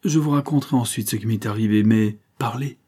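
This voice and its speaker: A man reading an audiobook, voicing an earnest young woman with a husky voice who speaks with urgent feeling. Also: fairly low pitch, brisk, mellow. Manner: pleading, emotional.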